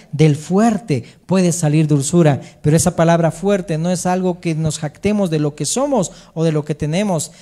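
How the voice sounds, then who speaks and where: Mellow-voiced preacher man. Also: high-pitched. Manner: preaching with rhetorical questions and call-and-response amens. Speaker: pastor. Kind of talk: sermon.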